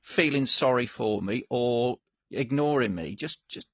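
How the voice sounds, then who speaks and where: A husky English man with a gravelly edge speaks bluntly and sarcastically in a casual podcast chat. His voice is dry and up close, with dull, lo-fi call audio. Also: mid-range voice, expressive, fairly bright tone, no room sound. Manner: blunt, sarcastic, quick to rant. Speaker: podcast co-host. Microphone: computer on a remote call.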